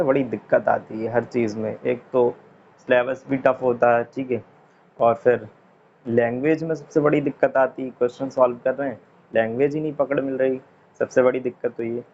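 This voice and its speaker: A man teaching English vocabulary in a casual classroom lesson, chatty and repeating words slowly for pronunciation. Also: mid-range voice, darkish tone. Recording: dull lo-fi sound, faint noise.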